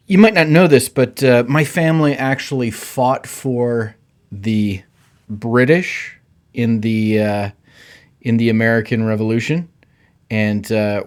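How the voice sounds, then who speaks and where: A middle-aged man, a pastor, hosting his own podcast in a relaxed, conversational way with many filler words. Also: medium pitch. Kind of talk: casual podcast monologue.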